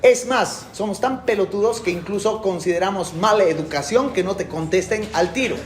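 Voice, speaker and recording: Here a middle-aged man lectures a university class at normal speed, his voice sitting high. He talks colloquially and emphatically, returning again and again to his key phrases, and the sound is roomy.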